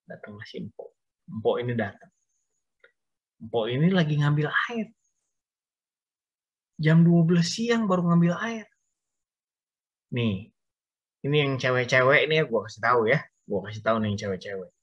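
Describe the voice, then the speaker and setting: A man's voice: mid-range voice, lively intonation, moderate pace, pauses often, slightly rough. A man giving a casual, chatty storytelling sermon to a youth group over an online call, addressing listeners directly. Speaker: youth service speaker. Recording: dull Zoom audio.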